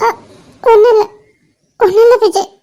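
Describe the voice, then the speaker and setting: A woman's voice: very high voice, fairly even intonation, normal speed, warm tone, faint music behind. A woman voicing a tearful young woman in a fan-made cartoon, crying and pleading for forgiveness.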